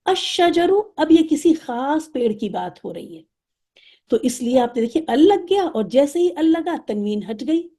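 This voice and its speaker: A woman teaching an Arabic lesson, patient and repeating each word slowly, with English terms in her explanation. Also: high-pitched, very animated, mellow. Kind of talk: online lesson, explaining vocabulary.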